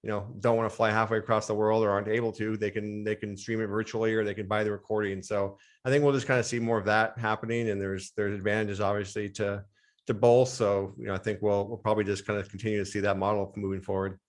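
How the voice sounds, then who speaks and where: A man's voice: on the low side, level tone, fast talker. An American man speaking as a podcast guest, explaining things fluently in casual conversation. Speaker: podcast guest, strength and conditioning coach. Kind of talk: casual interview chat.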